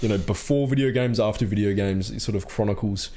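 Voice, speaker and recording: A man's voice: fairly low pitch, fast, mellow. A young man in his twenties co-hosting a podcast, talking casually and thoughtfully, with lots of hesitant fillers. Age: 20s. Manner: reflective, hesitant, many fillers. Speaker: podcast co-host. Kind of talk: casual chat.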